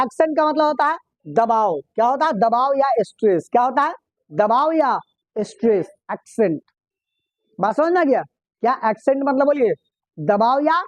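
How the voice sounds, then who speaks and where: An English teacher leads a classroom vocabulary lesson in an extremely high-pitched, darkish male voice. He quizzes the class, echoes their answers, and spells words out letter by letter. The lo-fi recording is dull and dry with no echo.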